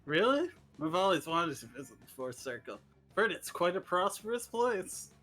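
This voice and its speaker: Man playing a chatty, bright-voiced woman innkeeper. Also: high-pitched, sing-song, normal speed, faint music behind, exaggerated voice. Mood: curious. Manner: chatty, curious.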